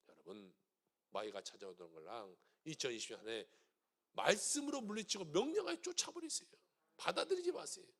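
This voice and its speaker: A middle-aged man preaching a sermon as pastor of a church, dramatic, swinging from loud shouted commands to hushed asides. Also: very high-pitched, creaky. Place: church sanctuary.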